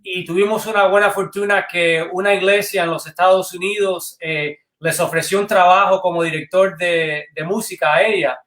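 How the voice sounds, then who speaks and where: A man from Cuba, a band director, answering interview questions in a measured, thoughtful way over a video call. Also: sits high, fairly even intonation, a bit bright. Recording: echoey room sound.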